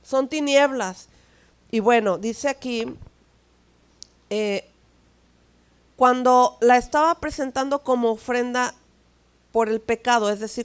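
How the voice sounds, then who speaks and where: Woman pastor, mexican spanish accent, sermon, fairly high voice, rhetorical tag questions, soft asides then emphatic lines. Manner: dramatic shifts between soft asides and emphatic declarations.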